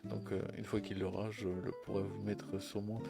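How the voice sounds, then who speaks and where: Casual male presenter, lowish voice, clear music bed underneath. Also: flat delivery, moderate pace. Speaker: presenter introducing a streamer. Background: background music.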